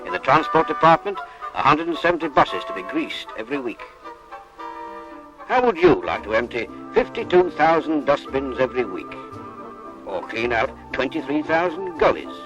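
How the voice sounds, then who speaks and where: A man's voice: mid-range voice, rough recording. A man narrating in the chatty style of a 1950s public information film, folksy and putting questions to the listener. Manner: folksy, rhetorical questions to the viewer. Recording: archive film soundtrack under music.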